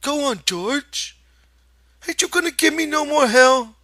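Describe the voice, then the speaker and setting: A man voicing a big, childlike, simple-minded man who is pleading and excitable, whiny, with a rural American accent. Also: very high voice, a little slow, vocal fry, dry recording, pitched above the performer's own voice, full character voice. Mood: eager.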